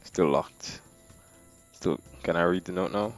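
A man's voice: low voice, a little slow, loud music behind the voice. A young man giving slangy, reactive commentary while playing a horror game, calling everyone bro. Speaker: gamer. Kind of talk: live gameplay commentary.

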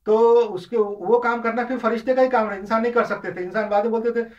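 A man's voice: high-pitched, fairly even intonation, fast. A man gives an informal religious lesson, explaining with examples and often hesitating or restarting. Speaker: religious lecturer. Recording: distant, dull lo-fi.

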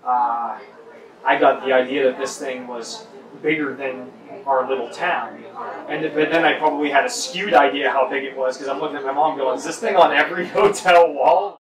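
A man casually telling a personal anecdote in an interview, relaxed with fillers. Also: medium pitch, moderate pace. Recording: distant, roomy, crowd noise behind.

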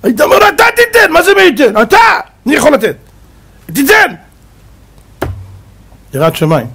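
A man, a rabbi, giving a dramatic sermon, firing rhetorical questions and swinging from loud exclamations to low asides. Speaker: rabbi giving a Torah lesson. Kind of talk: animated sermon.

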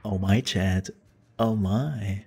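A woman's voice: extremely low pitch, mellow, breathy edge. A woman streaming a game, commenting in a joking, sarcastic way. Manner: sarcastic, joking, slow-spoken. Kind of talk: let's play commentary.

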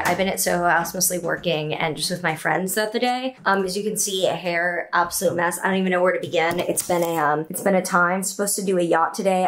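In a holiday villa, inside and on its sunny terraces, a young adult vlogger chats openly to her phone held at arm's length. Her lowish voice is a bit bright, and she swears freely while stretching out casual fillers.

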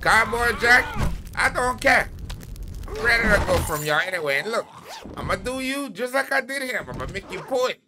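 A man doing loud, excitable let's-play commentary, trash-talking enemies in the game. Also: high voice, normal speed, background noise. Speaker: gaming channel host.

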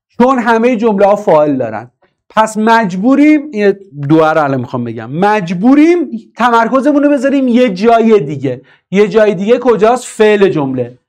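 A man teaching English grammar in a live online class, reading and answering the chat and driving his points home with emphatic repetition. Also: high-pitched. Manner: lively, emphatic, repeats key points.

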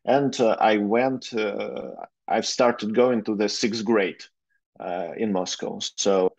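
A man's voice: on the low side, fairly even intonation, takes it slowly, vocal fry, darkish tone. A man in his twenties with a Russian accent, answering interview questions hesitantly with many fillers, speaking Russian as his first language. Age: 20s. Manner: hesitant, many fillers, careful non-native phrasing. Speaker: guest lawyer. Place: plain room, indoors. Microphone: video call. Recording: dull lo-fi video call audio.

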